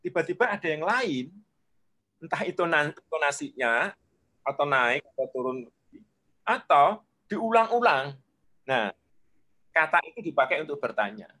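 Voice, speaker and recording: A man, guest leadership coach, explaining at length and acting out examples, often sinking to a soft low voice. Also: big pitch swings, a little slow, pauses often. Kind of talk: explaining in an online talk.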